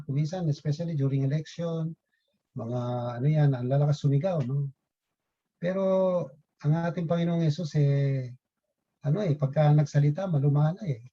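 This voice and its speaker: A man's voice: fairly high pitch, mellow. A man giving a casual religious talk to fellow believers, rambling with many fillers and tag questions. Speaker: lay preacher. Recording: dull lo-fi recording.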